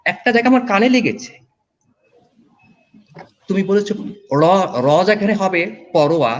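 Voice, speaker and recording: A man's voice: high-pitched, moderate pace, lo-fi sound, a little hiss or hum. A man judging a recitation contest, giving spoken feedback and sounding out pronunciations. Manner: lively, demonstrates pronunciation aloud. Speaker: recitation competition judge.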